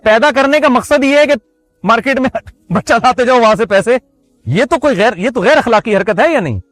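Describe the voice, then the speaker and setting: A man's voice: very high-pitched, brisk, fairly bright tone, no echo, soft background music. A man preaching a religious sermon in a conversational way, with joking asides to the audience. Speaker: Islamic preacher.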